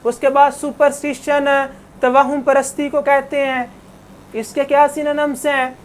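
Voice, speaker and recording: Slow-speaking woman teacher. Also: sits high, little pitch movement, slight background noise. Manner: explains words and corrects pronunciation in a patient teaching tone. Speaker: English teacher. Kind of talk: online classroom lecture.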